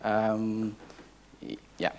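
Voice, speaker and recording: A hesitant young Portuguese man, a native speaker of Portuguese, tells a personal story to a live audience as a case study speaker at a training event. His fairly low voice drags out words with a creaky quality, and there's a faint hiss or hum. He keeps filling gaps with filler sounds and restarting sentences.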